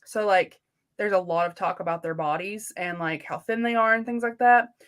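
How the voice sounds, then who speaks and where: A woman co-hosts a casual book discussion, speaking informally with slangy phrasing and softened opinions. Her voice is mid-range and her speed normal.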